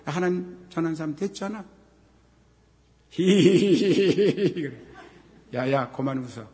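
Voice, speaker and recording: A middle-aged man preaching a sermon as pastor, moving from quiet talk to shouted scripture and asking questions he then answers himself. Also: fairly high pitch, lively intonation, brisk. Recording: long hall reverb.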